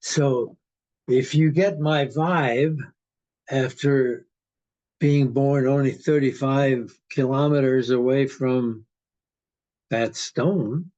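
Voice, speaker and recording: A man in his eighties from Hungary, talking in a slow, rambling, philosophical way in casual conversation. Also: mid-range voice, a little mellow, muffled recording. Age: 80s.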